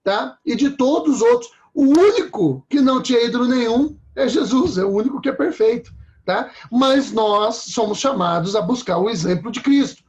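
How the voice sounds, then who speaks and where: A man's voice: very high voice, animated, normal speed, darkish tone, lo-fi sound. A man preaching a sermon in a conversational way, often checking in with his listeners.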